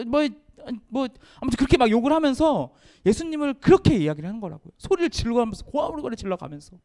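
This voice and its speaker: A man's voice: sits high, a little mellow. A man giving a youth sermon in church, who talks to the students directly, acts out quoted voices and jokes with them. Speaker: youth pastor.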